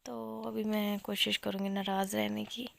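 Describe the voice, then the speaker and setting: A woman's voice: mid-range voice, level tone, moderate pace, vocal fry, a bit bright, dry recording. A woman, a mother chatting casually to her family vlog viewers and laughing as she talks at home. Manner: chatty, addresses viewers directly, laughs while talking. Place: at home, indoors.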